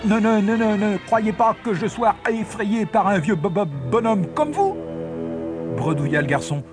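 A man's voice: fairly high pitch, fairly quick, music in the background, close to an everyday voice. A man voicing a boastful but cowardly young son who stammers, in a fairy tale. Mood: stammering.

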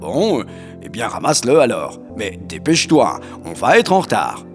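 A woman putting on a deep voice to play a firm, hurried father in a storybook. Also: wildly swooping pitch, soft background music, full character voice. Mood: impatient.

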